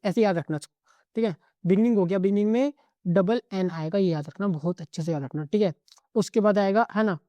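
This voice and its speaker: A man teaching an exam-prep lesson in a relaxed, unscripted way. His tone is soft and mellow, and the sound is close and dry with no room around it. He runs quickly through lists of words and keeps checking in with the listener. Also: high voice, dry recording. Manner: rattles through word lists, peppering every line with 'okay'. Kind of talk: casual spoken lesson.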